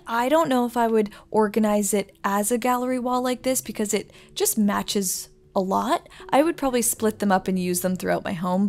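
Upbeat woman narrating a shopping trip. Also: mid-range voice. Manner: upbeat, enthusiastic product commentary. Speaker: interior designer vlogger.

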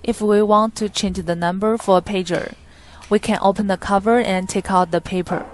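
A woman narrating a scripted product demonstration in a plain, steady reading voice with small grammar slips. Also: medium pitch, normal speed. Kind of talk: scripted instructional voice-over.

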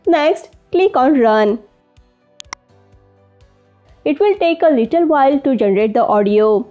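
A woman narrating a software tutorial, enthusiastic and easily amazed. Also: high voice, animated, measured pace, narrow, tinny audio, faint music behind. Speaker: tutorial host. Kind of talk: screen-recording tutorial narration.

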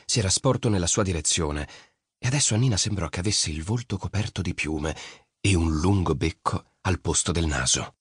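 A man narrating an audiobook in an expressive storytelling reading. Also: low voice, husky, no room sound, clean studio sound. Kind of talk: scripted narration.

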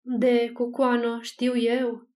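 A crafty church servant answers in a mild, honeyed tone. A woman reading the book gives him only a slight color. Her voice stays fairly high throughout. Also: completely flat delivery, warm tone, lightly acted. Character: sly church servant, sweet-voiced peasant man.

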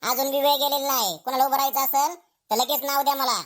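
A woman voicing a tired male schoolteacher who grumbles and pleads for calm. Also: high-pitched, fast talker, close to an everyday voice. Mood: weary. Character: weary male schoolteacher running a class vote.

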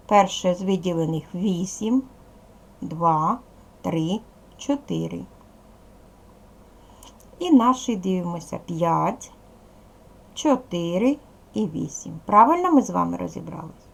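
Creaky-voiced woman teaching young pupils. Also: fairly low pitch, big pitch swings, slow, pauses often. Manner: patient, asks pupils questions and answers them herself. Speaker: primary school teacher. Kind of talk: video lesson for young pupils.

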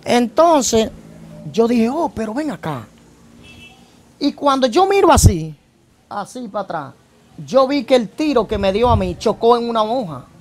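A man's voice: very high voice, sing-song, normal speed, darkish tone. A man giving a church testimony about his past as a gang member. He tells it vividly, acting out events and breaking in with praise phrases. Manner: vivid storyteller who acts out events and keeps adding praise phrases.

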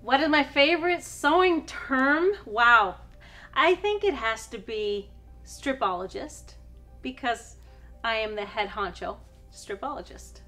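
A woman's voice: a little high, slow pace, pushed and bright, faint music behind. A middle-aged woman from Iceland, a quilt designer, answering interview questions in a cheerful, emphatic way in a studio.

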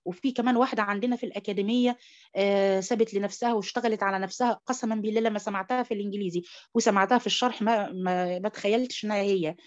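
A woman's voice: medium pitch, rapid-fire. A woman with an Egyptian Arabic accent teaching a tajweed class online, moving between Arabic and English. She asks her students questions and leads them through examples. Her voice comes through dull, lo-fi call audio. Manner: animated, coaxing students with questions. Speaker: Quran recitation teacher. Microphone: computer mic on an online call.

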